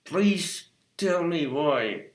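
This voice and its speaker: A man giving an exasperated review monologue, halting often with fillers and restarts. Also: on the high side, lively intonation, echoey room. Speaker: video reviewer.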